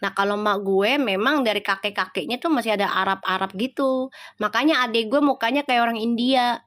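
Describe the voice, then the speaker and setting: A woman's voice: fairly high pitch, fairly quick, a bit bright. A middle-aged woman with a Betawi Jakarta accent, chatting casually with viewers on a tarot live stream, teasing and laughing often.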